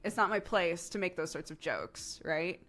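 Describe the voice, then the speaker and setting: A young woman streamer chatting casually, laughing often and tagging her stories with quick "right?" asides. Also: lowish voice, a bit bright. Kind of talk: casual chat.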